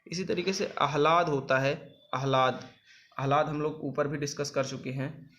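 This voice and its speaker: A man's voice: a little high, fairly even intonation, sharp tone, lo-fi sound, slight background noise. Patient spelling teacher, man. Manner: patient, repeats each word slowly and spells it out. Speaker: exam coaching teacher. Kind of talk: spelling lesson over written slides.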